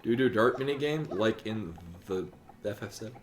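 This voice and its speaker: Animated man streaming a game. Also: fairly low pitch, normal speed. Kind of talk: casual chat while playing. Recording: faint game music behind. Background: game music.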